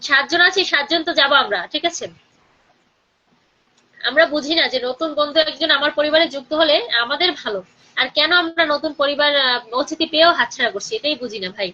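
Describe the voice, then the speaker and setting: Fast-talking woman hosting a live stream. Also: sits high, highs cut off. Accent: Bangladeshi Bengali. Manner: urging viewers to share and comment; speaking slowly and softly during the call to prayer. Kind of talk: live stream chat with viewers.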